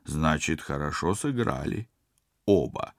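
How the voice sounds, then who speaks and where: A man playing a calm ship doctor. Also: very deep voice, a little slow, no room sound, clean studio sound, full character voice. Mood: matter-of-fact.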